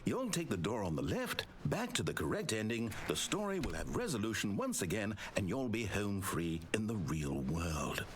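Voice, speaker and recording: A fussy, theatrical game narrator. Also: male voice, wildly swooping pitch, normal speed, hardly any pauses, background noise. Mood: guiding. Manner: precise, theatrical delivery with wild swings in pitch. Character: fussy controlling male narrator, proud of his story. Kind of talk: scripted video game voice acting.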